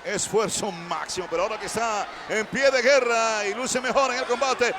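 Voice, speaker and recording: A man calls a wrestling match in a very high, excited voice. He shouts short, staccato play-by-play lines as a commentator, with a huge crowd roaring noisily around him. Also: moderate pace. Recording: loud arena crowd noise. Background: roaring arena crowd.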